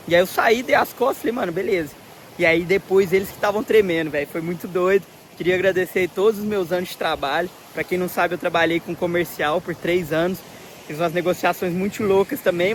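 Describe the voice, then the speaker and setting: A Brazilian man telling a travel story in a casual vlog, excited and full of slang, recorded outdoors by the sea on a handheld camera. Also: sits high, slight background noise. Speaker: travel vlogger.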